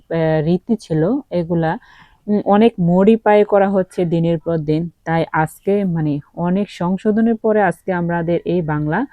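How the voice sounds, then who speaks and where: A woman from Comilla, Bangladesh, teaches grammar, frequently posing a question and answering it herself amid plenty of fillers. Her voice sits on the low side, and the lo-fi recording has no room sound.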